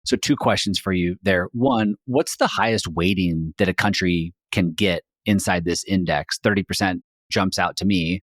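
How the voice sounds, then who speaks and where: A male podcast host with a very low voice asks measured, probing questions. The sound is dry and close, with no room around it. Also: fairly bright tone, no echo. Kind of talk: interviewing a guest.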